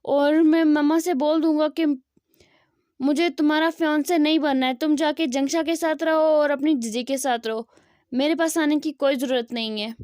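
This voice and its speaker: An upset, angry young man, as a woman narrator reads him out in a storytelling explanation. He speaks curtly and sulkily, turning people away. The voice is very high and the sound is close and dry. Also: fairly even intonation, normal speed, darkish tone, dry recording, close to an everyday voice. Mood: sulky, angry. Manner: curt, sulky, threatening.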